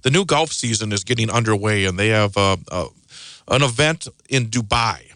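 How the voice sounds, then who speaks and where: An American man hosting a radio talk show with a smooth, practiced delivery, speaking close to a studio microphone. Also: on the low side, animated, normal speed, a bit bright, no echo. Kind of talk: radio talk and station announcements.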